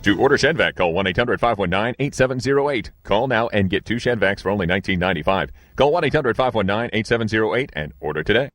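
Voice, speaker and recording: A man's voice: on the low side, lively intonation, fast talker, few pauses, a bit bright, no room sound. A man reading a scripted infomercial ordering tag as an announcer.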